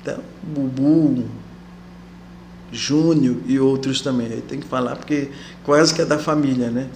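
A woman's voice: rumbling low, a little slow, slight background noise. A woman being interviewed as an activist, recalling the past in casual talk and acting out the voices of the people she quotes. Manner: lively storyteller who acts out quoted voices. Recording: echoey room.

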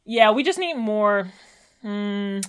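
A woman in her twenties co-hosting a podcast, chatting casually with lots of filler words and quick laughs. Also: mid-range voice, expressive, smooth. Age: 20s. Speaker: podcast co-host. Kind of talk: casual chat.

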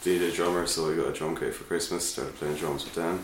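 Deep-voiced Irish man in an echoey room. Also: fairly even intonation, fast. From Longford, Irish midlands. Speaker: band founder being interviewed. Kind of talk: casual chat. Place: indoors on pub or venue premises. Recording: roomy echo, faint noise and clicks.

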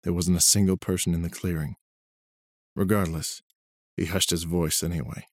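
Deep dry male storyteller reading prose steadily over faint music. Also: steady tone, moderate pace, no room sound. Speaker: narrator. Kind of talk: scripted storybook narration.

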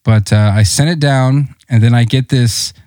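A man's voice: medium pitch, normal speed, dry recording, clean studio sound. A young adult man from South Dakota hosting a podcast, telling stories in casual chat and acting out the voices of people he quotes. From South Dakota, USA. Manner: animated storyteller, acts out quoted voices. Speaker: podcast host.

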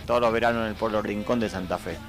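A man's voice: fairly low pitch, fairly even intonation, very fast, soft background music. A man with an Argentine accent chatting casually as a crew member on a radio show.

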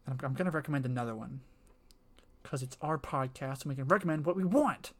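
A man's voice: mid-range voice, fast talker. Rambling young man co-hosting a podcast. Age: young adult. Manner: rambling, fills with "like", laughs often. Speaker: podcast co-host. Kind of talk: casual podcast chat.

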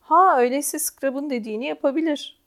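A woman's voice: sits high, fairly quick, fairly bright tone, pitched above the performer's own voice. A woman reading an audiobook, voicing a tall, bossy teenage boy with a mock-polite manner.

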